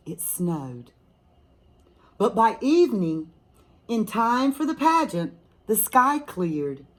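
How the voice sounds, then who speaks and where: A female teacher reads a picture book aloud to kids with expression and care, stopping now and then to ask her young audience questions. Her voice sits in the mid-range.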